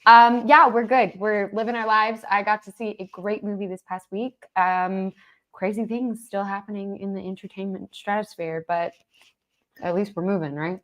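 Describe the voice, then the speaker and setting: Casual female co-host, medium pitch. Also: steady tone, moderate pace, fairly bright tone. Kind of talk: casual chat.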